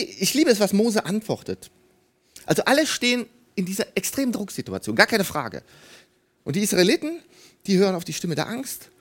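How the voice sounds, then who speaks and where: A preacher giving an emphatic sermon, addressing the congregation directly and repeating key phrases for weight. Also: medium pitch.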